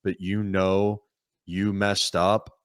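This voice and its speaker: Low-voiced man chatting about hockey. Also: takes it slowly, no echo, clean studio sound. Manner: calm, talkative, explains at length. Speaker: podcast co-host. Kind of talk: casual sports chat.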